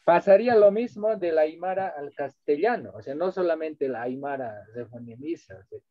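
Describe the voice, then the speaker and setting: A man with a slightly raised pitch gives an online lecture as a translation instructor, moving between two languages and pausing to ask whether his listeners follow. His voice comes through dry and close, with no room around it. The video-call audio sounds dull and lo-fi. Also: expressive, no room sound. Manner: explanatory, checks in with listeners often; switches between two languages while teaching.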